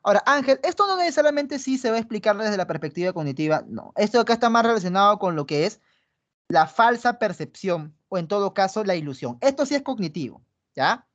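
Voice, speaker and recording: A woman with a Peruvian Spanish accent runs an online pre-university psychology class in a brisk, sing-song, mid-range voice. She lays out ideas step by step and checks in with students after nearly each point, and the audio is dull and lo-fi.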